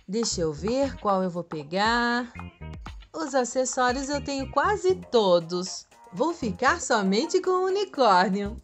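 High, bright sing-song Brazilian woman. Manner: bright, squeaky sing-song, gushing with diminutives. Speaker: children's gaming channel host. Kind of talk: gameplay commentary for young children.

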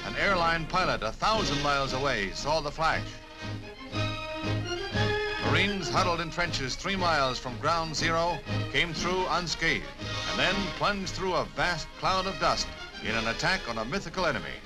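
Male narrator, old newsreel style, declamatory, raised pitch, over loud music. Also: animated, moderate pace, poor audio. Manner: dramatic, declamatory delivery. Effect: old 1950s newsreel sound.

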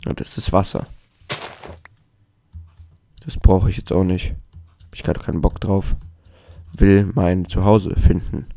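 A man's voice: sits low, level tone, measured pace, vocal fry, pauses often, mellow. A man giving casual gameplay commentary, hyper and jokey, rambling to himself. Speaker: let's play gamer.

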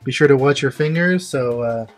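A man's voice: mid-range voice, moderate pace, faint music behind. A young man hosting a casual comedic cooking vlog in a home kitchen, talking in a drunk, goofy, rambling way. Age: young adult. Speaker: vlog host.

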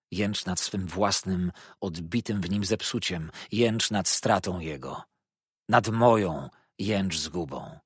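A man's voice: low-pitched, fairly bright tone, breathy edge, no room sound, clean studio sound, heavily acted. A man voicing a bitter, scarred woman who hurls furious accusations in an audiobook. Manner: accusing, declamatory outbursts.

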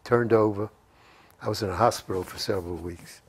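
A WWII veteran in his eighties, interviewed at home in his living room on a lapel mic, rambles through anecdotes, repeating phrases and quoting conversations he remembers. His voice is lowish and fairly quick, with slight background noise.

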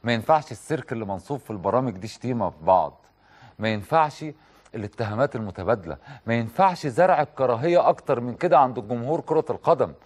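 A man's voice: mid-range voice, lively intonation, very fast, darkish tone. A man with an Egyptian accent hosting a TV talk show, delivering an impassioned studio monologue full of rhetorical questions and direct appeals.

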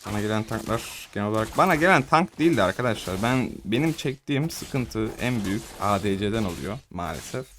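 A man's voice: on the low side, animated, brisk, few pauses, a bit bright, slight background noise. Chatty young man calling his game. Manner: casual, chatty, slangy, talks to viewers and teammates. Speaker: gaming streamer. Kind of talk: live gameplay commentary.

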